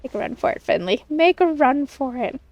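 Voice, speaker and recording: A spooky, mischievous video game colleague, acted out by a woman, speaks in a high voice over music. The delivery is slow and theatrical, drawing out each menacing warning. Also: expressive, a little mellow. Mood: mock menace.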